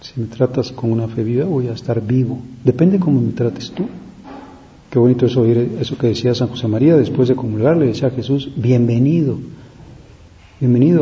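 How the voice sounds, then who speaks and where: A man preaching a reflective devotional sermon, slow and thoughtful, asking rhetorical questions with pauses between them. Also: mid-range voice, lo-fi sound, slight background noise.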